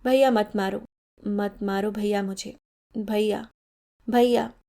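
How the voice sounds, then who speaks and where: A woman voicing a terrified little girl who is pleading for her life, with crying, drawn-out pleas. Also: medium pitch, fairly even intonation, creaky, mellow.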